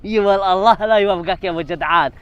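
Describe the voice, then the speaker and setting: A man's voice: sits high, racing, a bit bright, slight background noise. A man playing a henpecked village husband thrown out by his two wives, complaining dramatically in a comic sketch. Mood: pleading. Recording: dull lo-fi sound.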